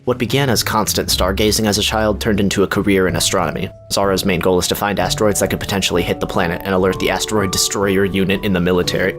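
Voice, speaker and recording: A man's voice: deep voice, little pitch movement, quick pace, few pauses, music in the background. A man giving casual let's-play commentary, chatty and giggly, reading game text aloud. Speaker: gaming YouTuber.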